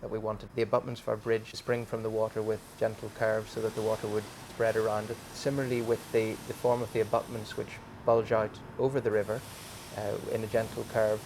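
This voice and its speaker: A man's voice: fairly low pitch, flat delivery, fairly quick, few pauses, darkish tone. A man, a designer, explaining his ideas in an interview. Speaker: bridge designer. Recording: faint background noise.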